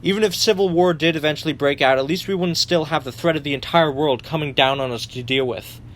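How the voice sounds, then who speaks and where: A man's voice: on the high side, quick pace, fairly bright tone, slight background noise, lightly acted. A man voicing a frustrated young male soldier who sounds bitter and exasperated. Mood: bitter, defeated.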